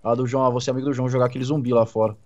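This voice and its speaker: A man's voice: mid-range voice, flat delivery, racing, a little mellow, highs cut off. A young Brazilian man with a Brazilian Portuguese accent, complaining in a mock-dramatic way while gaming with friends. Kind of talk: casual gameplay banter with friends.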